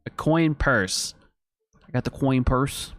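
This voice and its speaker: A gaming streamer plays a video game with casual let's-play commentary, thinking aloud, chatting with viewers and reading on-screen text. His voice is mid-range and fairly bright, his pace slow, and the recording dry.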